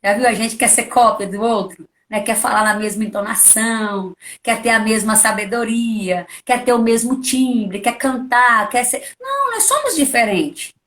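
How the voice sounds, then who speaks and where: A middle-aged woman preaching in a friendly, conversational way. Her voice sits a little high, and she keeps asking rhetorical questions. She hits her key points with sudden leaps in pitch. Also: fairly even intonation, moderate pace, hardly any pauses, fairly bright tone. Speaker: preacher, guest. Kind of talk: conversational testimony and teaching.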